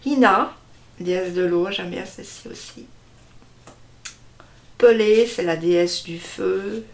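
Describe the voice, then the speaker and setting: A woman slowly presenting a deck of cards one by one, hesitating often and stressing each card name. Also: medium pitch. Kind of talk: casual card unboxing walkthrough.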